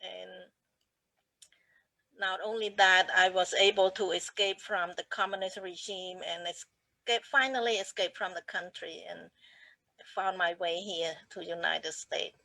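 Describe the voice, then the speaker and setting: Older woman, unhurried and earnest, crisp bright tone, close dry sound. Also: on the low side, steady tone, no room sound, poor audio. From Cambodia. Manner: earnest, with frequent restarts. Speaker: guest speaker. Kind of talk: personal story in a conversation.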